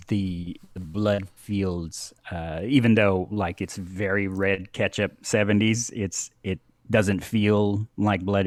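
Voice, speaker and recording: A man narrating a tabletop game as game master, halting with many restarts and frequent laughter. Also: fairly low pitch, no echo.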